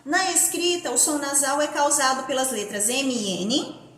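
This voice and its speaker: A woman's voice: sits high, a bit bright. A woman teacher from Brazil giving a primary school phonics lesson, stretching out syllables and spelling words letter by letter. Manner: slow, drawn-out syllable-by-syllable pronunciation. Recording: echoey room.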